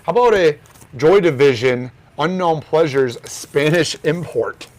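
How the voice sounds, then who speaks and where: A man with a slightly high voice hosts a record store's morning show, chatting unhurriedly through records and their prices in a relaxed, offhand way.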